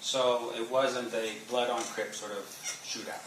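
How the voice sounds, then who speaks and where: Man cross-examining, halting, in an echoey room. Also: mid-range voice, flat delivery. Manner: halting, probing leading questions. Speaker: attorney cross-examining a witness. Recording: roomy echo, faint background noise.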